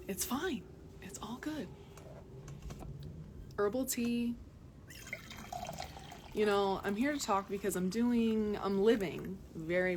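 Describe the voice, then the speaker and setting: A young adult woman from Massachusetts, a health vlogger, chats casually to viewers in a live phone video recorded outdoors in the cold mountains. She often repeats words for emphasis, and her medium-pitched voice comes with background noise.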